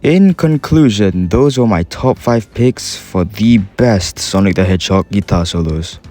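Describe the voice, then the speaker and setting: A young YouTuber with a Singaporean accent ranks game music in an enthusiastic, casual voice-over full of slang and swearing. His voice is lowish, expressive, unhurried and dark in tone, with faint music playing behind him.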